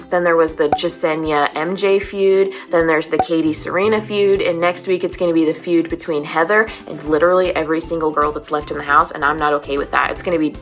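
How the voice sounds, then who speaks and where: Young woman, lowish voice, casual chatty recap, exasperated, faint music behind. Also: fairly bright tone. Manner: chatty, exasperated, acts out scenes. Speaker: vlog host.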